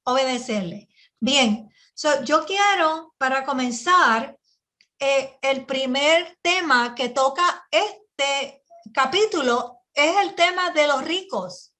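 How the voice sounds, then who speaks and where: Mujer predicadora de voz aguda y brillante. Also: female voice, high-pitched, animated, slow, sharp tone. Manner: teaching with frequent rhetorical "¿verdad?" and restarts. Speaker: Bible teacher. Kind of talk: Bible study sermon.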